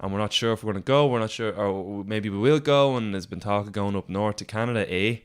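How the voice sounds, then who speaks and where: An Irish man in casual podcast chat with his band, his voice sitting low with a clear, smooth tone. He rambles along unhurried, restarting sentences and filling gaps as he goes. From Ireland. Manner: rambling, laid-back, lots of fillers and restarts. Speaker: podcast co-host, band member. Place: at a table with bandmates.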